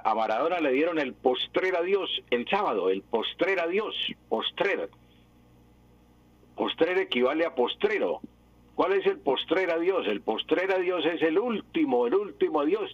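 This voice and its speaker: A man with a husky voice explains spelling rules on a radio program. He talks patiently and methodically, lists examples one after another, and repeats each point. The broadcast sound is dull and lo-fi, with a dry close mic. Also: a little high, animated, moderate pace, dry recording. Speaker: language expert on radio.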